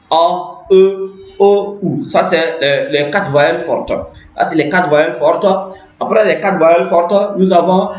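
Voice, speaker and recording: A man teaching a language lesson, explaining slowly and repeating himself, with many fillers. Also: on the high side. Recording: echoey room, dull lo-fi sound.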